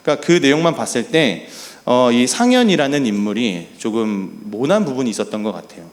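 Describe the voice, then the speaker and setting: A middle-aged man preaches a sermon in an earnest, storytelling way. His pitch is medium, and his voice rises and falls a great deal. He acts out quoted lines softly as he talks. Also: sing-song, a little fast. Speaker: pastor.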